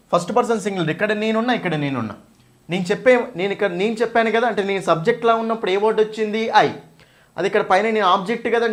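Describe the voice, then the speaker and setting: Lively, fast-talking Telugu man teaching grammar. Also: sits high. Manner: asks students questions and answers them himself, repeats key points; mixes English terms into Telugu explanation. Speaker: English teacher. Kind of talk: exam-prep grammar lesson.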